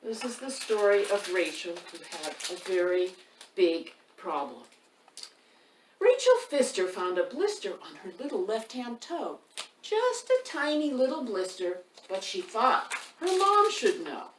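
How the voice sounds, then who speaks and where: A woman who is an author and storytime host reads a picture book aloud to children, asking her young listeners questions as she goes. Her medium-pitched voice is very animated and a little slow. The setting is an indoor room by a wood stove, recorded with a distant mic that sounds roomy, with faint noise.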